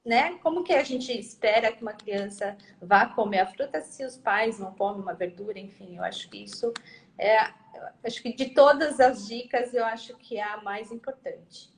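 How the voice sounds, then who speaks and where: A woman's voice: on the high side, moderate pace, a little hiss or hum. A woman with a Brazilian Portuguese accent, a guest consultant for mothers, chatting in an agreeable way and sharing practical tips. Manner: agreeable, fillers and restarts, gives practical tips. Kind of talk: casual live-stream conversation. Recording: echoey room sound.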